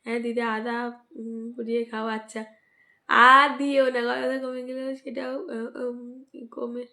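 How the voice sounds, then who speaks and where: Woman with a cold, gravelly low-key voice. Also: level tone, brisk. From West Bengal, India. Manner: greets and thanks commenters by name, asks for mentions. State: sore throat and cold, coughing. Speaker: live stream host. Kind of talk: casual live-stream chat with viewers.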